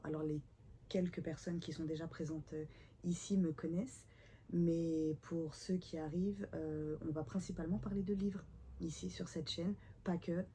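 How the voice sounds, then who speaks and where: A woman with a hoarse, stuffed-up voice from a cold, chatting casually to camera in a self-deprecating, slightly awkward book vlog at home. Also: lowish voice, steady tone, moderate pace, dark tone, slight background noise. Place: at home, indoors.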